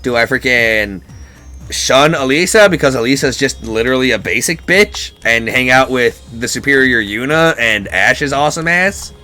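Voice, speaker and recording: A man's voice: medium pitch, expressive, normal speed, sharp tone, faint music behind. A man giving casual gameplay commentary as host, crude and joking, with emphatic swearing. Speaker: host of a game playthrough.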